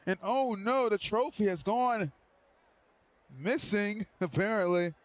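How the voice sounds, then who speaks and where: A man calling a livestreamed online football game, doing excitable play-by-play with loose, rambling asides and then interviewing a player. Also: high voice, takes it slowly, dry recording. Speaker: play-by-play commentator and stream host. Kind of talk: casual livestream sports commentary.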